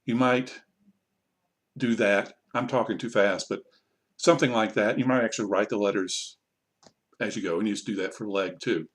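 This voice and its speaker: A man, an online English teacher, casually explaining how to run a practice lesson in a relaxed, conversational way. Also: fairly low pitch, normal speed, pauses often. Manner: relaxed, conversational, self-correcting.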